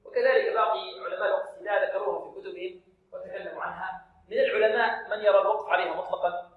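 Male recitation teacher, higher register, quizzing and drilling students, recorded in a reverberant room. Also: fairly even intonation, very fast, phone-quality sound. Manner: asks rhetorical questions, drills syllables aloud. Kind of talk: tajweed lesson with call-and-repeat drills.

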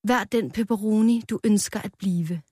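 A woman voicing a small chewing-gum figure who makes high, drawn-out proclamations. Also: dark tone, slightly rough, no echo, clean studio sound, close to an everyday voice. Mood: hopeful. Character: small hopeful piece of chewing gum, boy-like.

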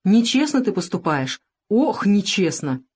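Woman reading a gruff young ex-soldier. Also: medium pitch, big pitch swings, a little slow, darkish tone. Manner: curt, gruff. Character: tough young male ex-soldier, curt and angry.

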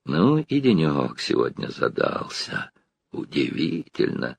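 A man reading an audiobook, voicing a proud, gruff old male organ-grinder who talks with grumbling dignity. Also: very deep voice, wildly swooping pitch, slow, pitched below the performer's own voice, heavily acted. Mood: wry.

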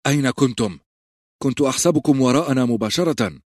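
A man's voice: sits low, steady tone, fast talker, no echo, clean studio sound. A man voicing a young male lord who scolds and gives orders in a stern voice. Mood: angry.

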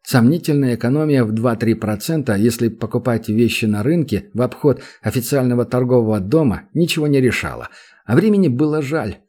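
A man narrating a fantasy audiobook in an even storytelling manner. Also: mid-range voice, brisk, breathy edge.

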